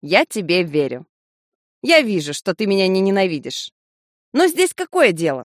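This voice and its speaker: A woman's voice: medium pitch, very animated, moderate pace, no echo, studio quality, close to an everyday voice. Woman voicing a cruel male death master. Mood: falsely gentle. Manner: menacing, coaxing with false kindness. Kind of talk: audiobook character voicing.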